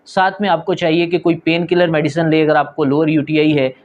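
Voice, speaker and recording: A man, a homeopathic doctor, giving a steady, instructive health talk to his viewers. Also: a little high, fairly quick, highs cut off. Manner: steady instructive, repeats a stock transition phrase, addresses viewers as friends. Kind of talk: explanatory health talk to camera.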